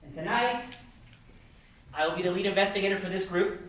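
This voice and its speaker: A man's voice: high-pitched, fairly quick. Earnest young man narrating a ghost hunt. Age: 20s. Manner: earnest, gently formal address to spirits. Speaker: host and lead investigator. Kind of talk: ghost-hunting narration and group briefing.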